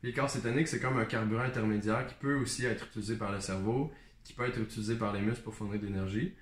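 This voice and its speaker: A man's voice: fairly low pitch, steady tone, fast, roomy sound. A man with a Québécois French accent, a nutritionist co-hosting a casual chat, who explains in detail and drops self-mocking jokes. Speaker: nutritionist co-host.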